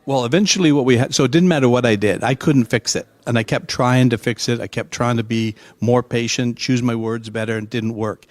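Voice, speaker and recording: A middle-aged man explaining his ideas as a guest in a conversational interview, emphatic and animated, acting out bits of dialogue. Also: medium pitch, a little fast, few pauses, no room sound. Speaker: guest expert.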